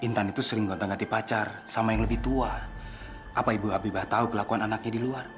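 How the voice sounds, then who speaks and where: Brief: firm, admonishing man who talks fast, played by an actor. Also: on the low side, fairly even intonation, music in the background, natural voice.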